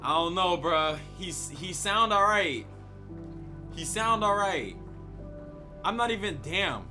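Bright-voiced man reacting to a video. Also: sits high, lively intonation, slow pace, soft background music. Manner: slangy, laid-back, talks at the screen. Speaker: reaction streamer. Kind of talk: casual reaction commentary.

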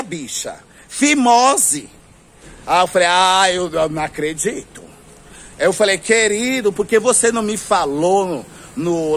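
A flamboyant Brazilian vlogger with a high, fairly bright voice tells a gossipy story to camera outdoors on a street. He laughs often and uses lots of slang terms of address, with a little hiss or hum in the audio.

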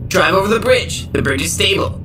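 A man's voice: sits high, lively intonation, fairly quick, pushed and bright, a little hiss or hum. Young male cartoon hedgehog, voiced by a man: perky, cocky instructor for a horror parody, echoey and distant. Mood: upbeat, insistent. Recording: roomy, distant sound under music. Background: music.

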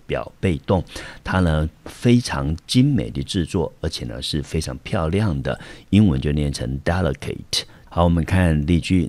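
A man's voice: very deep voice, darkish tone, no room sound. A man teaching an English vocabulary lesson, explaining pronunciation and example sentences step by step. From Taiwan. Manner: explains step by step, often starting with "好". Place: school teaching studio.

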